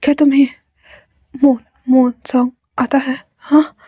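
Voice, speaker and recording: A woman voicing a young wolf man in agony, speaking in halting, breathy whispers in a storybook reading. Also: sits high, little pitch movement, warm tone, dry recording. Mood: pained. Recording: dull lo-fi dry recording.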